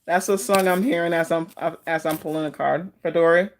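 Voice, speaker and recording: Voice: mid-range voice, steady tone, brisk, slight background noise. A fortune teller of unclear sex giving a casual live oracle card reading, addressing people by name and reflecting on each message.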